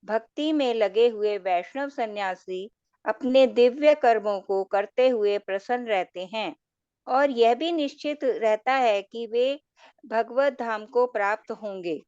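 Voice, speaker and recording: A woman student reading a text aloud in class, steady and careful. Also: fairly high pitch, slow pace, clean tone, no room sound. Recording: dull lo-fi dry sound.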